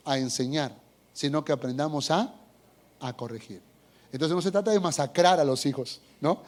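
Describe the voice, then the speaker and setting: A middle-aged man, a pastor preaching a sermon and telling stories, acting out voices and asking the congregation. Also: a little high. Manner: animated storytelling, acts out voices, asks the congregation.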